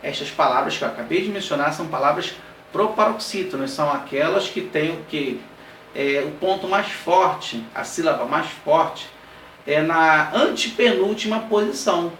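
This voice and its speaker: A man teaching an exam-prep grammar lesson, explaining step by step, checking in with his students and spelling out examples slowly. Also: a little high, animated, fairly bright tone. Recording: roomy classroom sound, heard from a distance, light background noise.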